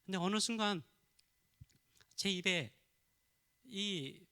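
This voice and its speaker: A man's voice: high voice, animated, brisk, bright, forceful tone. A middle-aged man from Korea preaching as a pastor, asking the congregation questions and answering them himself. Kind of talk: sermon.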